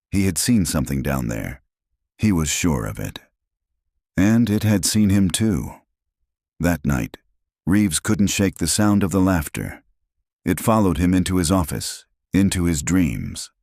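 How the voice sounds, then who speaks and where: A man's voice: low voice, a little mellow, no room sound, clean studio sound. A man giving dramatic, suspenseful scripted horror narration.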